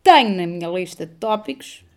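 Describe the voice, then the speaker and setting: A woman in her thirties with a European Portuguese accent, hosting a casual podcast chat as a lively storyteller who swears freely. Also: lowish voice, fairly quick. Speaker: podcast host.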